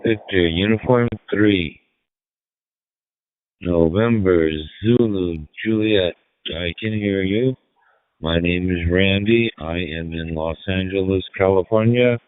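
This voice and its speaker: Deep, slow man over ham radio static. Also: dry recording. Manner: slow, measured, formal call-sign delivery. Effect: heard over ham radio with static. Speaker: amateur radio operator. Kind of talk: radio contact exchange. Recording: narrow phone-like radio audio.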